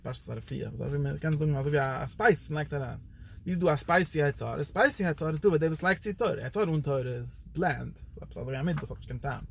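Husky-voiced man giving a lively Torah lecture. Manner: animated, pitch jumps up and down for emphasis. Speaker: Torah teacher.

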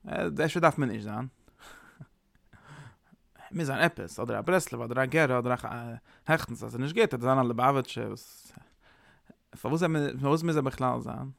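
A man's voice: medium pitch, brisk, creaky, no room sound, clean studio sound. A man giving an informal, rambling sermon, mixing in English words. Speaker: preacher. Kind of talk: informal Yiddish-tinged sermon.

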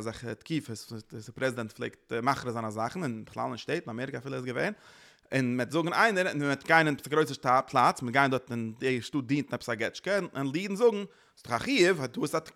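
A man gives a religious lecture in a gravelly voice of ordinary pitch. He speaks earnestly as a teacher and keeps circling back to restate each point. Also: quick pace, a bit bright.

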